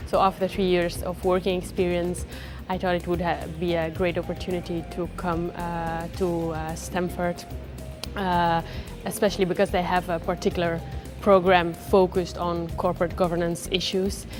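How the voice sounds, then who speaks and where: A woman, a former lawyer now a graduate law student, answering interview questions haltingly as she searches for words. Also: fairly low pitch, flat delivery, over music. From Belgium.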